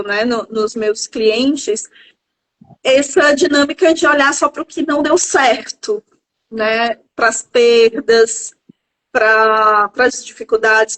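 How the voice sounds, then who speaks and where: A woman with a Brazilian Portuguese accent, talking calmly and reflectively as a guest psychologist in a live conversation, pausing often to choose her words. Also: a little high, poor audio. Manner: calm, measured, often pausing with "é" and "né".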